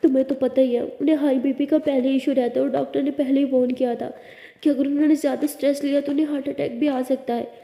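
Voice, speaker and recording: A woman voicing a caring young woman who calms and coaxes her partner. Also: high voice, fast talker, creaky. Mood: pleading. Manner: soothing, coaxing. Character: gentle caring young woman, loving girlfriend. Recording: echoey room with long reverb.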